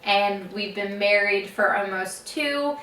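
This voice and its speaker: A woman's voice: mid-range voice, takes it slowly, a bit bright, a little hiss or hum. A young woman chatting casually as a family vlogger, recorded in an echoey room at some distance from the mic. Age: young adult. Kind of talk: casual chat to camera and on calls.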